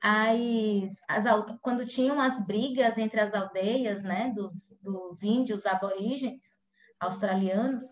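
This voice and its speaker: A woman's voice: medium pitch, slow pace. A woman from Salvador, explaining her topic in a casual online presentation, full of fillers and restarts. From Salvador, Brazil. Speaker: physiotherapist presenter.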